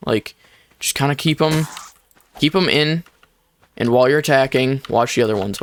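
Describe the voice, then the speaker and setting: Gravelly-voiced young man narrating gameplay. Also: medium pitch, a little hiss or hum. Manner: chatty, explains as he plays, many fillers. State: short of breath at times. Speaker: gaming YouTuber. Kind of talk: casual gameplay commentary. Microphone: desk microphone.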